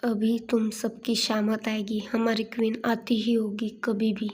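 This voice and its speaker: Woman voicing a hushed, loyal henchman. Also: fairly high pitch, monotone, unhurried, breathy edge. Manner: hushed, boastful.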